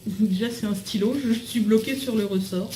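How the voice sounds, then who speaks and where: A woman's voice: mid-range voice, steady tone, normal speed, dark tone, roomy sound, a little hiss or hum, low-quality recording. A young woman chatting casually to camera as she unboxes a package at home, bubbly and full of fillers. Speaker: vlogger unboxing a swap package.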